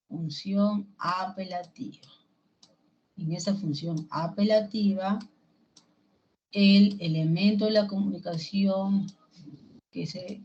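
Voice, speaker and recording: A woman's voice: mid-range voice, a little mellow, dull audio. A woman with a Peruvian accent teaching a language class, walking students through each example with questions. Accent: Peruvian Spanish. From Peru. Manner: slow, explains step by step with questions to the class.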